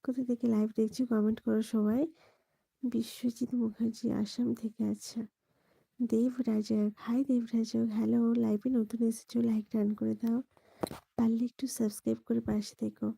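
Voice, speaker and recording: Hushed, gravelly woman live-streaming late at night. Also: fairly high pitch, flat delivery, normal speed, dry recording, rough recording. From West Bengal, India. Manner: soft, hushed talk near a whisper; greets viewers by name and repeats the same subscribe request. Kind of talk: late-night live-stream chat reading out viewer comments. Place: at home at night.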